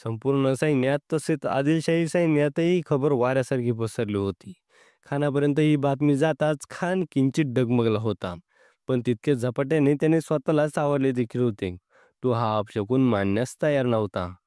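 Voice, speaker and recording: A man reading a historical story aloud in a steady, measured way. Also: mid-range voice, clear, resonant tone, no room sound, studio quality. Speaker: narrator. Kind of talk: scripted storybook narration.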